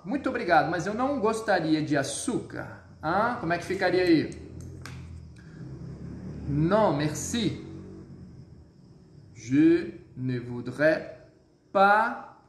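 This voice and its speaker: A man with a fairly high voice teaches a live online French lesson. He sounds upbeat, explains step by step and checks in with his viewers, and he slows right down to model each phrase. The recording has a roomy echo. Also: a bit bright, slight background noise.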